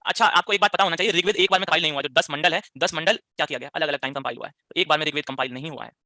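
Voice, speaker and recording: A man's voice: on the high side, very fast, bright, forceful tone, no room sound. A man teaching a live online history class, firing rhetorical questions and tag questions, mixing English phrases into Hindi.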